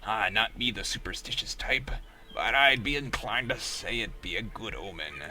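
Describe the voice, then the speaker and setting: A man's voice: on the low side, normal speed, pushed and bright. A man voicing a crusty, salty male pirate ship captain in a silly put-on pirate accent, reading game dialogue. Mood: gruff hearty.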